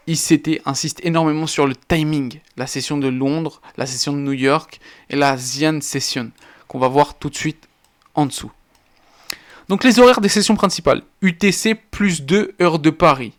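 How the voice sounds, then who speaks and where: Male channel host with a gravelly, fry-tinged voice, walking through charts in short, punchy phrases. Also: mid-range voice. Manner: clipped list-like phrases with casual interjections. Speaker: trading educator and channel host. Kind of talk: explaining trading charts.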